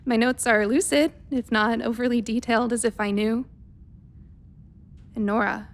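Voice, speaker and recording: In a radio play, a woman voices a spaceship doctor recording a research log, methodical and precise but worried, faltering and hesitant. Her slightly high voice stays close to an everyday one, fairly even in intonation at a moderate pace, with a clinical delivery.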